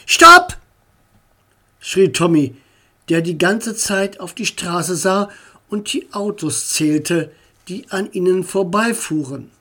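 Very slow storybook narrator. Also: mid-range voice. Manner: very slow, deliberate. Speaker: audiobook narrator. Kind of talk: storybook reading.

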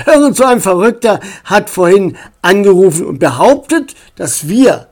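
A man voicing a sensible, sharp mother in a storybook reading, brisk and firm. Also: high-pitched, very animated, voice pushed up.

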